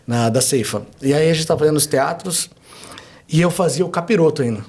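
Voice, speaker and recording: A man's voice: on the high side, fairly quick, darkish tone, husky. A man, a pastor, giving a fervent testimony in a podcast interview and driving his points home with rhetorical questions.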